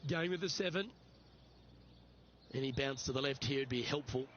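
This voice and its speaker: A man doing play-by-play golf commentary in measured, clipped phrases. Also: mid-range voice, highs cut off, noisy background, natural voice. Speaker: lead golf commentator in a video game.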